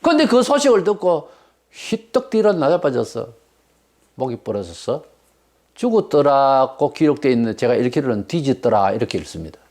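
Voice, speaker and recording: Male pastor, sermon delivery, blunt and forceful, with an extremely lively melody. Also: mid-range voice, normal speed. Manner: emphatic, blunt, rhetorical questions.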